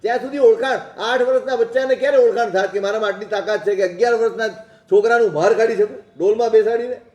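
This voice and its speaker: A man's voice: high-pitched, fast talker, a little mellow, dull audio. A man preaching a sermon, telling stories and asking rhetorical questions. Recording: echoey hall.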